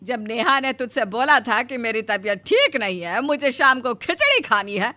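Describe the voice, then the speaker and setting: A woman's voice: fairly high pitch, big pitch swings, normal speed, sharp tone. A woman voicing a stern, bossy mother-in-law. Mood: scolding. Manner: scolding, commanding. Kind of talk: Hindi cartoon story voice acting.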